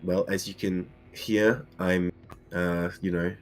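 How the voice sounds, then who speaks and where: A man co-commentating a game in casual chat, his voice altered to a lower register, talking in a joking, blunt and loose way. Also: level tone, takes it slowly, faint music behind.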